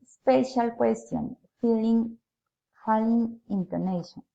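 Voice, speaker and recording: A woman reading practice sentences aloud slowly and carefully, pausing between phrases, with Spanish as her first language. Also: on the high side, gravelly, dark tone. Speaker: student. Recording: dull lo-fi recording.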